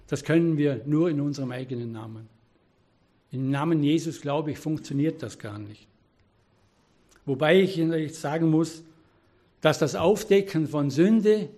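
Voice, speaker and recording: A man's voice: fairly high pitch, darkish tone. A man preaching a sermon, earnest and exhorting, quoting scripture with emphasis.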